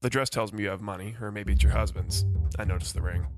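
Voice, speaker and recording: A fairly low voice of a male actor as a jaded, sharp-eyed private detective. He delivers noir radio drama lines in a clipped deadpan, with brassy music clearly behind. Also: fast talker, echoey room, big-room sound, close to an everyday voice. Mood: observant. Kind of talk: noir audio drama narration.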